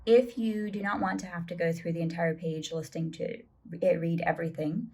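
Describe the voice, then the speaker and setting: A woman's voice: lowish voice, moderate pace, husky. Woman casually walking through an app. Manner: relaxed, chatty explaining with fillers. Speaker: tutorial host. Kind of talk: casual screen tutorial.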